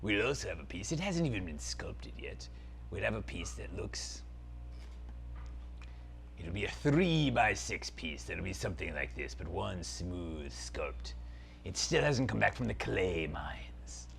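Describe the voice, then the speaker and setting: A haughty sorcerer prince, as a man puts him on, with a low, gravelly voice. He swoops through his lines theatrically, lingering over every word. Now and then he sinks into a conspiratorial stage whisper. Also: sing-song, unhurried, fairly bright tone, slight background noise, full character voice. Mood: pompous. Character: pompous grand male sorcerer villain prince. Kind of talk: comic product skit.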